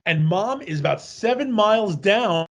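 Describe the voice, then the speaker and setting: A man's voice: high voice, lively intonation, normal speed, fairly bright tone. A man co-hosting a horror film podcast, chatting casually in a rambling, jokey and profane way. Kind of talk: casual chat.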